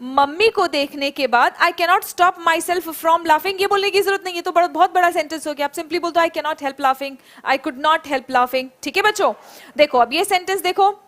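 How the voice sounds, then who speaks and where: A woman teaching a live online spoken English class, praising students by name and drilling phrases slowly. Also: extremely high pitch, fairly bright tone. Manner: encouraging, calls students by name and praises them.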